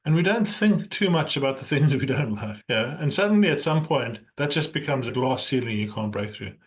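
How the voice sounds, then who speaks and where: Male interview host, business coach type, emphatic and encouraging, mid pitch. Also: lively intonation, brisk. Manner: encouraging, emphatic, asks rhetorical "right?". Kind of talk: conversational interview.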